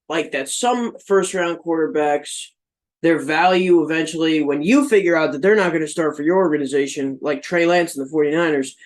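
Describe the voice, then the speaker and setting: Laid-back young man, slightly high voice. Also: low-quality recording. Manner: laid-back, says dude and man a lot. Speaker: podcast co-host. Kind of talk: casual sports podcast chat.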